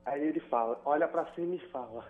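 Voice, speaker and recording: A man from São Paulo state calling in over the phone to tell a joke, sounding sleepy and drowsy, with a soft, velvety voice. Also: on the high side, a little fast. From São Paulo state, Brazil. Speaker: caller telling a joke. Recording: dull phone line with faint music.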